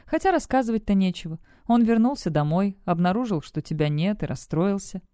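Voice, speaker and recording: A cynical, scheming young man in an audiobook, as a woman reads his part. He talks in a smug, brusque way. The voice is dark and smooth, and the recording is dry and close. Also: medium pitch, animated, fairly quick, no room sound, close to an everyday voice. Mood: dismissive.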